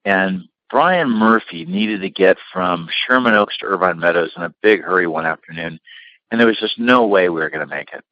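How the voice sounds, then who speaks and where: A middle-aged man, founder of a limousine company, telling long anecdotes with lots of fillers in a relaxed interview. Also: low voice, moderate pace, no room sound, highs cut off. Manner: rambling anecdotes with many fillers.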